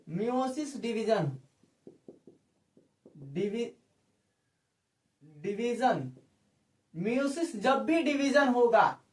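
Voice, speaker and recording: A male biology teacher giving an exam-prep lecture, who keeps asking rhetorical questions, repeats key terms and checks that students follow. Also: very high voice. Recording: echoey room, speaker far from the mic.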